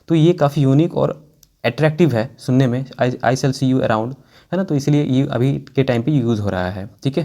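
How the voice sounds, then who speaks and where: Indian man teaching English, slow repetitions. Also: mid-range voice, a little mellow. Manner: explains patiently, repeats example sentences slowly. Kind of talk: casual spoken English lesson.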